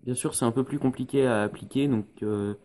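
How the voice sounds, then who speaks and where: A man's voice: medium pitch, brisk, mellow, a little hiss or hum. A man giving a casual painting tutorial, recorded on a phone, explaining each step with many hesitations.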